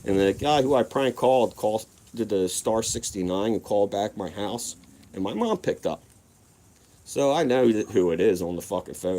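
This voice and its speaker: A laid-back man rambles through profane personal stories in a loose vlog monologue. His voice sits on the low side and his delivery is easygoing and unhurried. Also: darkish tone. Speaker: vlogger. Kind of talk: casual storytelling monologue.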